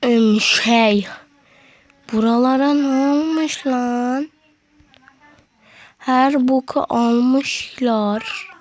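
Speaking very slowly with long pauses, a woman with a high-sitting voice chats to viewers like friends while commentating her gameplay. She's a gaming video creator who gets frustrated with the game easily, and the recording is dry.

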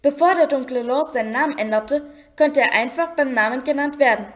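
Shrill, devoted male house-elf, high and eager; a woman voices him for a storybook reading. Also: brisk, natural voice.

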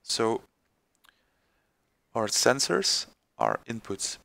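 A man presenting a screen-recorded software tutorial, halting with many fillers and restarts. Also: medium pitch, expressive, creaky, dry recording.

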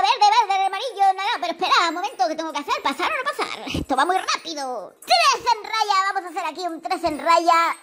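A woman giving playful commentary on a mobile drawing game, cooing sympathetically at the characters. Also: extremely high pitch. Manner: animated, coos sympathetically at drawn characters. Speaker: gaming channel host. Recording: light children's music behind.

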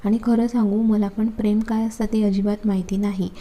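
A woman's voice: mid-range voice, little pitch movement, a little fast, mellow, close to an everyday voice. A woman voicing an innocent young wife who pleads affectionately with her husband in a storybook reading. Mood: pleading.

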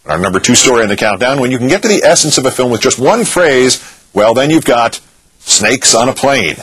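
A man's voice: medium pitch, a bit bright, husky, no room sound, rough recording. A middle-aged man anchoring a TV news show from a studio, with a dry, sardonic delivery. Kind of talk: wry broadcast news delivery. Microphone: lapel mic.

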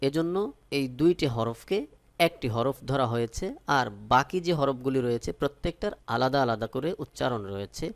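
A man gives a patient recitation lesson at an ordinary mid pitch. He sounds out each letter and its vowel mark twice, pausing between drills, then explains the rules in a calm, steady teaching voice.

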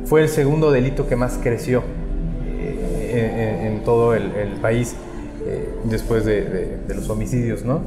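A man in his thirties with a Mexican Spanish accent, a public security expert giving measured, explanatory interview answers on a lapel mic in a small indoor room. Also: fairly low pitch. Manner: measured, explanatory, gesturing with hands. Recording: roomy echo, music underneath.

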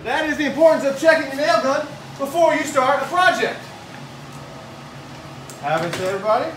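In his home garage, a worn-out vlogger in his thirties makes a squirrel table, cracking self-deprecating jokes while he works in a casual woodworking how-to. Filmed on a handheld phone camera with rough sound and slight background noise, his very high-pitched, fairly bright voice is expressive and a little fast.

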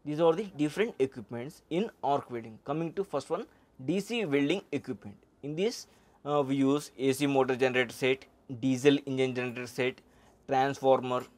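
A middle-aged man, lecturing on welding over slides, with halting speech and frequent "uh" and "okay". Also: medium pitch, a little mellow. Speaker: welding instructor.

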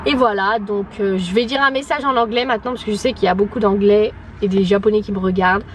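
A woman's voice: medium pitch, quick pace, slight background noise. A woman from France, an au pair, chatting casually in a vlog with many fillers. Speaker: au pair vlogger.

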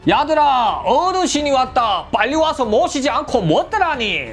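A man's voice: extremely high pitch, sing-song, normal speed, a bit bright, soft background music, full character voice. A man voicing a karaoke owner in his late fifties who grovels to gangsters and blusters at everyone else. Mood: blustering. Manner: groveling, then swaggering and bossy.

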